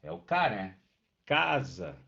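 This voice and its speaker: A man's voice: mid-range voice, animated, normal speed, a little mellow. A man, teaching a live online class and patiently checking in with his students as he explains. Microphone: webcam microphone. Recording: dull lo-fi online class audio.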